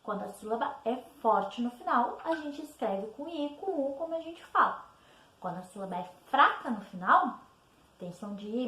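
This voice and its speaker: Brazilian woman teacher going over spelling exercises, high bouncy voice, echoey room. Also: fairly bright tone. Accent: Brazilian Portuguese. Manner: explains patiently, checking in with "tá?". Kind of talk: recorded spelling lesson walkthrough.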